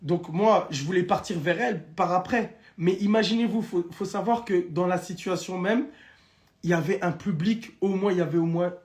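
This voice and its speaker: High-voiced young man telling a story. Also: moderate pace. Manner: animated storytelling, addresses viewers directly. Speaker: guest telling his story. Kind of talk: casual live-stream chat.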